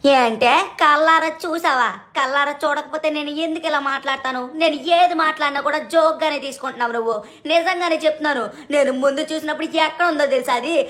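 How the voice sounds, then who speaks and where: A woman's voice: high voice, quick pace, fairly bright tone. A woman voicing a mischievous, dramatic little boy who chatters and exclaims to himself in a cartoon fan dub. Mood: insistent. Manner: chatty, exclamatory, self-talking.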